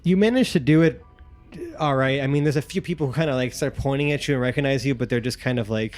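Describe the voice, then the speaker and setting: A man's voice: mid-range voice, quick pace, a little mellow, soft background music. A man running a tabletop game as game master, describing scenes in a rambling way full of fillers.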